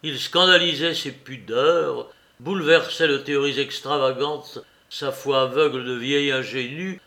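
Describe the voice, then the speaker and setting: A man reading a classic novel aloud as audiobook narration, measured and expressive. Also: medium pitch. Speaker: audiobook reader.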